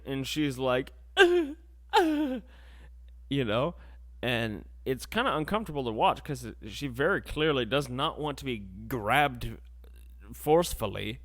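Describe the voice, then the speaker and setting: A young man hosts a podcast and rants in a loose, sarcastic, rambling way. His voice swings widely in pitch, from high yelps down to low mutters, and he takes an unhurried pace. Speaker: podcast host. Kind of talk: casual comedic rant.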